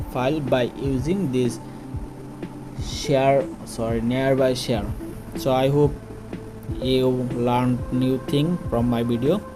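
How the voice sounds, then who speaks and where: A man who speaks English as a second language, hosting an informal how-to voice-over in halting, repetitive phrasing with frequent self-corrections. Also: medium pitch. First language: not English. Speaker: tutorial host.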